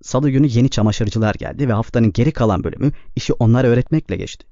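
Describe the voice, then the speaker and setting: A man reading a novel aloud as narrator, with a steady, measured delivery, in a slightly dull, dry recording. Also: mid-range voice, no echo. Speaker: audiobook narrator. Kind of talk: scripted narration.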